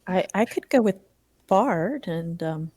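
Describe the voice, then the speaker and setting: A woman's voice: fairly low pitch, animated, takes it slowly, mellow, no echo. A woman playing a tabletop game, talking hesitantly and brushing off her own ideas. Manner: hesitant, self-deprecating. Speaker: player. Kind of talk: casual tabletop play.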